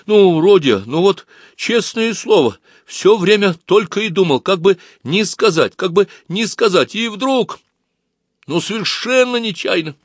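A man's voice: high-pitched, lively intonation, measured pace, no echo, studio quality, pitched above the performer's own voice. A man reading a story aloud, voicing a timid, chubby schoolboy make-up artist who mumbles and pleads. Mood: pleading.

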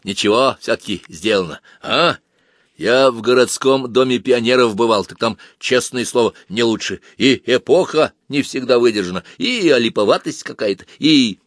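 A man reading a story aloud, voicing a gruff, bossy teenage stage manager who barks orders. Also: medium pitch, moderate pace, no echo, clean studio sound, close to an everyday voice. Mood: pleased, chatty. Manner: barking orders.

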